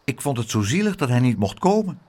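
A man's voice: mid-range voice, big pitch swings, fairly quick, a little mellow. A man voicing a polite, earnest young boy in a storybook reading.

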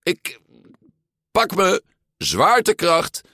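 A man reading a storybook aloud, voicing a brash, reckless teenage sea-monster boy who boasts and shouts. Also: medium pitch, very animated, a little slow, no room sound, clean studio sound, pitched above the performer's own voice. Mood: shouting.

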